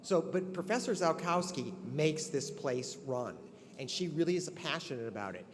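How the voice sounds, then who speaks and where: An older man gives an earnest, conversational ceremonial address with many restarts, his high-leaning voice animated and at a normal pace. Long hall reverb and faint ambience surround it.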